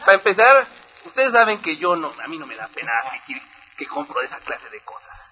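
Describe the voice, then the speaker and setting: A man's voice: fairly high pitch, sing-song, fairly quick, crowd noise. A Mexican man co-hosting a radio show, joking and telling anecdotes in casual banter. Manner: joking storyteller. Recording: muffled lo-fi radio audio.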